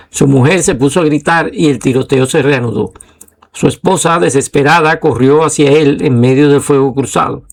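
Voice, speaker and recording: Gravelly documentary narrator, man. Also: mid-range voice. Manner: measured and steady.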